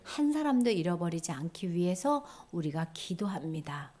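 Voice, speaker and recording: A woman giving a children's sermon in a church, animated, acting out little voices and dropping to a whisper for key points. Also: fairly low pitch, normal speed. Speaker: children's ministry teacher.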